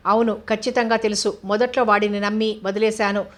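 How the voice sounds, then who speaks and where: A woman's voice: medium pitch, flat delivery, a little fast, close to an everyday voice. A woman voicing a deferential male police officer who answers his superior respectfully in a storybook reading. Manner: respectful, keeps saying "madam".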